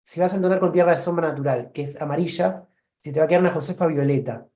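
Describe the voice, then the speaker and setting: A man's voice: on the high side, fast, dark tone. A man with a Rioplatense Spanish accent joining a live online painting class, speaking hesitantly and searching for words.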